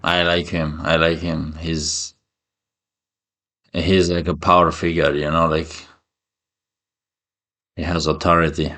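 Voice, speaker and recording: Low-voiced man reacting, swearing. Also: slow, long pauses. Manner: excitable, swears, many fillers. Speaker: reaction video host. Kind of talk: casual reaction commentary.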